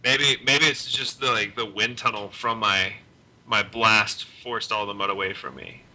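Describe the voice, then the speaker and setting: A man's voice: lowish voice, steady tone, unhurried, bright, forceful tone, poor audio. A man chatting casually as a player in a tabletop game.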